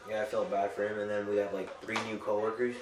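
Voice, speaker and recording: A young man with a fairly low voice tells crude, laughing stories in loose chat among friends. He sounds distant from the mic, in a roomy, echoing space. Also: level tone, fast, crowd noise. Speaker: pizza shop worker.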